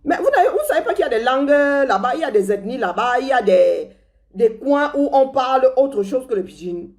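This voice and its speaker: A woman's voice: high voice, sing-song, a little fast, darkish tone. A woman from Cameroon with a Cameroonian French accent, delivering a sarcastic, scornful political commentary.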